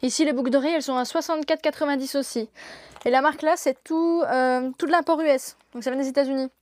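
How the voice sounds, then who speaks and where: A woman's voice: sits high, steady tone, quick pace, no room sound. A young woman presenting products in a shop during a live stream, gushing and laughing often.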